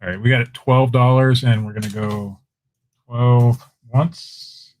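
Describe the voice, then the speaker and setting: A man's voice: mid-range voice, a little slow. A man running a casual live-stream auction, chatting with viewers as he shows items and calls bids. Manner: chatty, relaxed, talks to viewers in chat.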